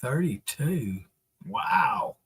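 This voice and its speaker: A man from Arkansas with a slow Southern drawl, hosting a casual live chat in a folksy, teasing way as he greets viewers. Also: medium pitch, big pitch swings, a bit bright, slightly rough. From Arkansas, United States. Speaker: live stream host.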